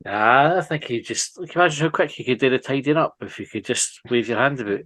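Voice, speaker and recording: A man's voice: mid-range voice, animated, fast, fairly bright tone, no echo. A Scottish man co-hosting a comedy podcast, chatting casually with lots of swearing and rambling asides. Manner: sweary, rambling, easily breaks into laughter. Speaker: podcast co-host.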